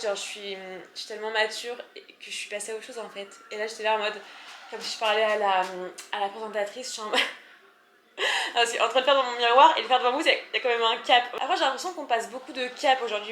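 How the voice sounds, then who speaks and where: A woman's voice: fairly high pitch, fairly even intonation, fast, a bit bright, slight background noise. Rambling young woman vlogging from an echoey bathroom. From France. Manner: rambling, self-mocking, full of fillers like genre and en fait. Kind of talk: casual chatty vlog. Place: bathroom at home.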